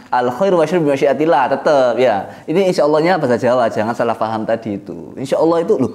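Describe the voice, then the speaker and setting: Man, lively pitch, religious lecture, jokey, recites Arabic. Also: fast. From Indonesia. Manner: lively, joking, switching between Arabic recitation and explanation. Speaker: Islamic teacher.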